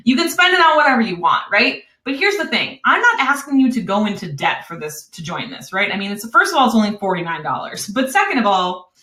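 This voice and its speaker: Upbeat Wisconsin woman pitching a course. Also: very animated, fairly quick, hardly any pauses, bright, forceful tone, echoey room. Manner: upbeat, chatty, laughs often. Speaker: online course host. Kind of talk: live webinar sales pitch.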